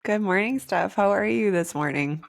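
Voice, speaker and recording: A woman in her thirties co-hosting a podcast, chatting casually in a raspy, hoarse voice from a head cold. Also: medium pitch, moderate pace, dry recording. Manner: chatty, upbeat, rambling. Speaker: podcast co-host. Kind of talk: casual chat.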